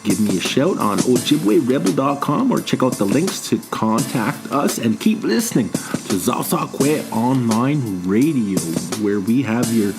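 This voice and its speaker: Relaxed male radio host over music. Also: medium pitch, measured pace, hardly any pauses. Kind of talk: casual news broadcast. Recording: music bed behind.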